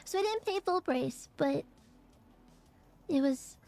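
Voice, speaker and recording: High-pitched, froggy, congested woman streamer. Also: lively intonation, darkish tone. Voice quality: phlegmy, froggy, rattly chesty voice. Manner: halting, hesitant, trailing phrases. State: congested from allergies. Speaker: vtuber streamer. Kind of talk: casual livestream chat.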